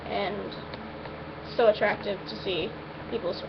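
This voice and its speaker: This woman reads a first-person story in a mid-range voice with fairly even intonation, going a little slowly. She stumbles occasionally and breaks off with asides in an informal, amateur way, and the recording is muffled and noisy.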